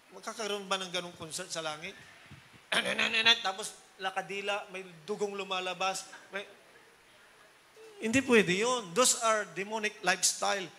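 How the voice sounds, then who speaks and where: A man's voice: high voice, sharp tone, slight background noise. A middle-aged man from the Philippines preaching a Sunday sermon, switching between Tagalog and English and often asking the congregation for agreement. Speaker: pastor.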